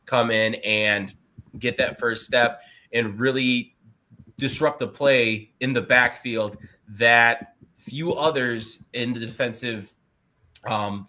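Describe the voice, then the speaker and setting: Bright-voiced man giving quick scouting talk. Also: medium pitch. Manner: animated, quick, frequent restarts. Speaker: draft analyst.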